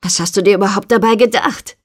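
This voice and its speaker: A woman's voice: medium pitch, fairly even intonation, quick pace, lightly acted. Audiobook: arrogant young man lecturing a colleague, read by a woman, smug and bossy. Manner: condescending, lecturing.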